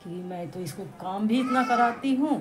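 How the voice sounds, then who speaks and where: Woman telling a folk tale, noisy home recording. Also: on the high side. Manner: chatty, halting, with restarts and asides to listeners. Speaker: storyteller. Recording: home recording with clear background noise.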